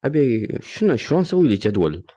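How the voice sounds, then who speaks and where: A man's voice: medium pitch, very animated, fast, mellow, lo-fi sound. A man, hosting a casual, joking tutorial and teasing his viewers. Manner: teasing, playfully insulting. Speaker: gaming channel host.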